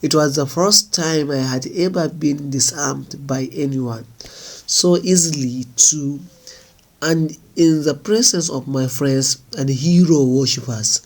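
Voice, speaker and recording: Slow-reading male storyteller. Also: fairly high pitch. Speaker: narrator.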